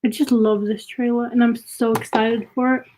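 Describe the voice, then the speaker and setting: A woman's voice: fairly high pitch, flat delivery, normal speed, warm tone, a little hiss or hum, low-quality recording. A young woman streamer chatting casually and gushing while reacting to a trailer.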